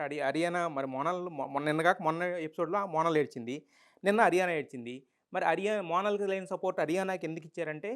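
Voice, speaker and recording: A man with a Telugu accent giving an opinionated, argumentative review monologue full of rhetorical questions. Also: a little high. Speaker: reality show reviewer.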